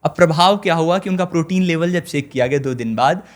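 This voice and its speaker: A young man, a religious storyteller, explaining scriptures in an earnest, measured teaching tone with small hesitations. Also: on the high side. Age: young adult.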